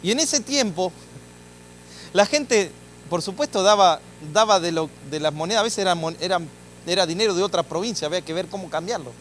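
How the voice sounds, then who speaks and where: High-voiced pastor preaching testimony. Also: male voice, lively intonation, fairly quick, fairly bright tone, a little hiss or hum, poor audio. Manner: storytelling, acts out dialogue, rising to emphatic preaching. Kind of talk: sermon with personal testimony. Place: church sanctuary.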